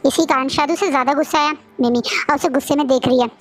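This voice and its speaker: Woman, storyteller, casual retelling, high voice, frequent self-corrections. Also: fairly even intonation, very fast. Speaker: storyteller explaining fan fiction.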